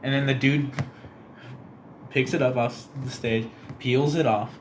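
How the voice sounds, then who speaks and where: A young man co-hosting a casual podcast, telling stories animatedly and acting out quotes in a squeaky high voice. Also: fairly even intonation, a little slow, noisy background. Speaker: podcast co-host. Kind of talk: casual chat.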